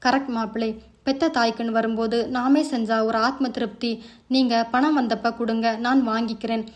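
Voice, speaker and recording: Woman, storyteller, reads all the parts herself, fairly high voice. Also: fairly even intonation, normal speed. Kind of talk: narrated family story, reading all the parts.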